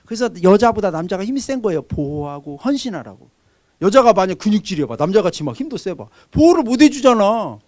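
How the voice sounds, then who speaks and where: A middle-aged man preaching a sermon as pastor, swinging between loud exhortation and quiet asides. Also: high-pitched, dry recording.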